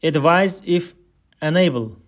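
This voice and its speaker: For a listening drill, a male instructor with a high voice reads scripted air traffic control phraseology in an unhurried, deliberate, and animated way.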